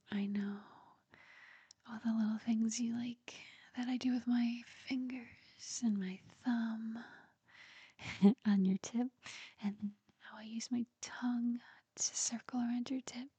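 A woman speaking in a soft, breathy whisper in an intimate roleplay recording, with frequent quiet giggles, close to the mic. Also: a little high, no echo.

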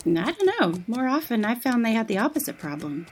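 A woman's voice: a little high, very animated, fairly quick, a little hiss or hum. A woman playing a feisty, sardonic gunslinger in a comic Western audio drama. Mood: wry.

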